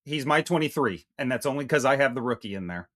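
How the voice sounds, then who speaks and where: A man's voice: medium pitch, expressive, quick pace, fairly bright tone. A man co-hosting a fantasy football podcast in casual chat, brash and joking, with frequent swearing. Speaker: podcast co-host.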